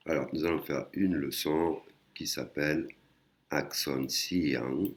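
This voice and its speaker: A man teaching a language lesson in a casual way, with many pauses and fillers, explaining patiently and often adding a tag word at the end of his sentences. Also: very deep voice, steady tone. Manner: hesitant, many fillers and restarts. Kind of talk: casual screen-recorded lesson.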